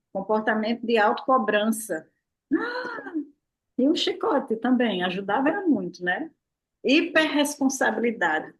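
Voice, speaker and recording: An older woman gives a relaxed, playful talk as a therapist. She keeps tossing in little questions and answers them herself, in a warm, chatty back-and-forth. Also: fairly high pitch. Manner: lively, playful, full of "né?" and rhetorical "o quê?". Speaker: therapist and guest speaker. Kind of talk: casual explanatory talk to a live online audience.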